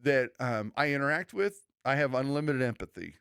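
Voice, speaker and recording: On a church podcast he co-hosts, a pastor speaks in a gravelly, slightly bright, clean mid-range voice with lively intonation and a moderate pace. He comes across earnest and preachy yet conversational, restarting often and acting out quotes, in a dry, clean studio recording.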